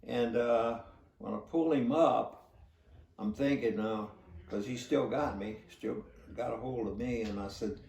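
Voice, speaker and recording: An older man, a former police officer, telling a story in a halting, plainspoken way. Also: mid-range voice, creaky, a little mellow. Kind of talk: casual spoken storytelling. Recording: roomy echo, distant from the mic.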